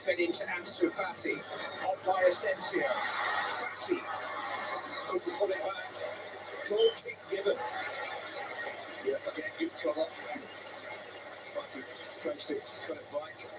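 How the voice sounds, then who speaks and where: A man giving measured, analytical live football commentary, heard through noisy broadcast audio. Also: high voice, very animated.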